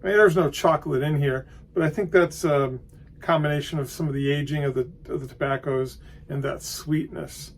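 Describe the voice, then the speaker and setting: A man giving a casual, unscripted tobacco review, hesitant and halting as he thinks aloud. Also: on the high side, steady tone, slight background noise.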